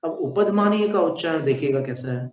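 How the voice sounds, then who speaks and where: A man teaching a slow lesson on pronunciation, demonstrating sounds syllable by syllable. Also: a little high, expressive. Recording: echoey room, dull lo-fi sound.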